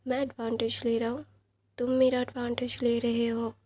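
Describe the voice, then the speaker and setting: A woman voicing a possessive, lovestruck young man, speaking softly and half-whispered. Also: fairly high pitch, monotone, normal speed, slightly rough, no echo.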